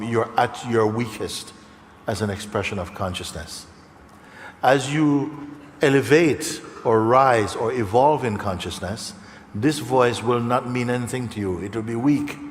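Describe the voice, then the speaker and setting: Guy giving a spiritual talk to a crowd, chatty, keeps asking okay?, big echoey hall, bit of hiss. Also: medium pitch. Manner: conversational, often checks in with "okay?" and "you see?"; acts out the voices of people he describes. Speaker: spiritual teacher. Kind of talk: spiritual talk to a live audience. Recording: long hall reverb, faint background noise.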